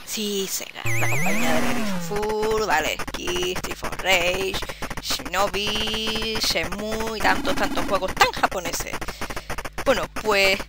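A speaker with a Spanish accent from Spain giving casual gameplay commentary, chatty, swearing freely and shouting to cheer the game on. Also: medium pitch. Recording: loud background game music.

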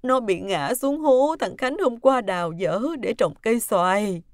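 A woman's voice: medium pitch, animated, unhurried, no echo, clean studio sound. A woman voicing an irritable, easily panicked elderly grandmother who cries out shrilly. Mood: tearful. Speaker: mother-in-law character.

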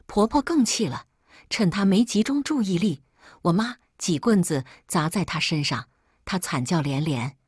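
A woman's voice: fairly low pitch, expressive, normal speed, darkish tone, husky, dry recording, studio quality. A woman narrating a first-person story in a wry, unbothered manner.

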